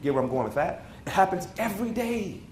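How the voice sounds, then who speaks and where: A man's voice: high-pitched, very animated, a little fast. A man in his forties from Chicago, giving a motivational keynote in a conference hall, dramatic and acting out the voices. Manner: dramatic, acts out quotes, asks the audience. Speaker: keynote speaker. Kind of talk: motivational speech, storytelling. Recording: roomy hall with faint noise.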